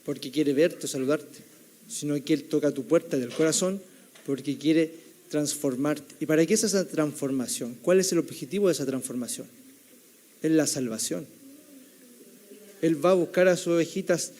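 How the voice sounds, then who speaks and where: Young man, theology student, preaching; higher-pitched voice with a mellow, soft edge; keeps checking in with the congregation. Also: moderate pace. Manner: keeps adding the tag question "right?", storytelling tone. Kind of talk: sermon.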